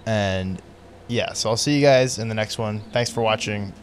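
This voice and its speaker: A man's voice: on the low side, normal speed, a little hiss or hum. A young man giving casual, emotional let's-play commentary, swearing freely as he reacts to a game. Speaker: gaming video creator.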